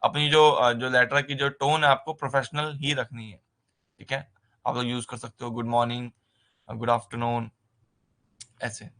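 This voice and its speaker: A man teaching a nursing writing-exam lesson in a conversational way, often pausing with a filler and mixing terms into his speech. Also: medium pitch, steady tone, sharp tone. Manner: conversational, repeats "ठीक है" as a filler, mixes English terms into Hindi. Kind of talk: explaining exam basics in a recorded lesson.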